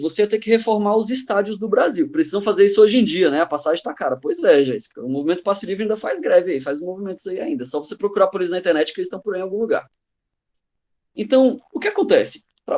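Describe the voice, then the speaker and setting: A man's voice: high voice, darkish tone. A man teaching a live online class over a video call, casual and slangy, acting out what people said. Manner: casual and slangy, acts out quotes.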